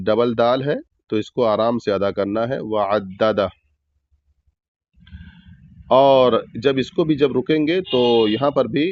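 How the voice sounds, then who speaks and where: A man teaching Quran recitation step by step, patiently explaining each rule and repeating words slowly in drawn-out chant as examples. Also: medium pitch, dry recording, dull audio. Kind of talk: step-by-step tajweed lesson.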